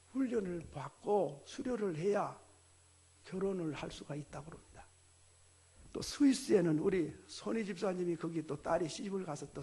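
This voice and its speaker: A man preaching a sermon as a pastor, animated, acting out family dialogue. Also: on the high side, breathy edge.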